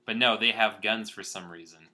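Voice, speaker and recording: A man's voice: fairly low pitch, steady tone, moderate pace, sharp tone. A young man hosting a podcast, chatting casually about a movie, rambling with restarts. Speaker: podcast host. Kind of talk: casual movie-review chat.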